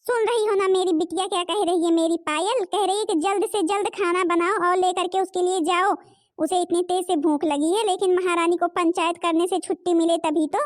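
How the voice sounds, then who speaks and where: A woman voicing a cruel, bossy stepmother in an animated cartoon, scolding and threatening. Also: extremely high pitch, fairly quick, dry recording, studio quality.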